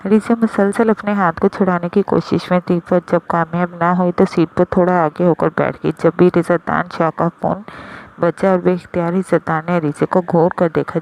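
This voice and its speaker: A narrator reading a romance novel aloud in a steady storytelling cadence. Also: medium pitch, creaky, low-quality recording. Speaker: audiobook narrator.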